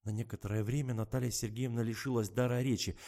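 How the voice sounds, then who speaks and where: A man reading a first-person novel as an audiobook, with even, lightly ironic storytelling. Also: medium pitch, fast talker. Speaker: audiobook reader.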